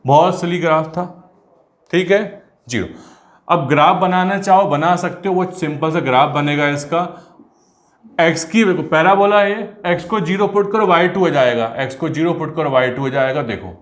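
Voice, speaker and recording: A man's voice: a little high, normal speed, roomy sound. A man teaching a math class online, switching between Hindi and English, calling the students "beta" as he writes out the working. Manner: mixes Hindi and English, addresses students as beta, talks while writing.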